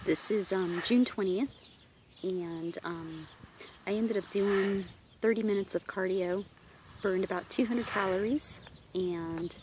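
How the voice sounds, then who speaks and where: Unhurried woman vlogger, noisy outdoor recording. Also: mid-range voice. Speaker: vlogger giving a daily fitness update. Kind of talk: casual rambling video diary. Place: outdoors at a horse property, sitting on the ground.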